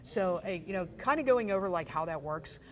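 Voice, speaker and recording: This guest, a woman in her forties from Pittsburgh, USA, who works as an esports photographer and journalist, sounds animated and brisk, her voice on the low side. She tells her story chattily in an interview, stumbling through many fillers and restarts.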